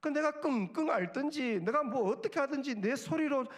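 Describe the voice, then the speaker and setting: A middle-aged man preaches from the pulpit in a high voice. His tone is earnest, and he drops to near-whispers before lifting into urgent exhortation. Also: lively intonation, normal speed. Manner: earnest preaching, swings from hushed murmurs to raised exhortation. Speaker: pastor. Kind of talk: sermon at a Friday prayer meeting.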